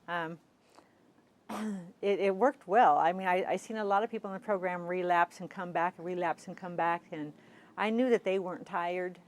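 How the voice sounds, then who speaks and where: A woman guest on a TV interview, telling her own story hesitantly, with many fillers and throat clearing. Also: on the low side, a little mellow.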